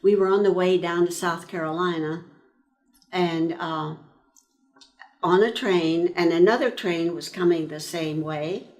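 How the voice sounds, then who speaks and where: Slow-speaking woman in her nineties. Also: on the low side, a little mellow. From eastern Pennsylvania, USA. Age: 90s. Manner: slow, reflective storytelling with frequent pauses. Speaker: interviewee, World War II army nurse veteran. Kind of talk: reminiscing in an oral-history interview.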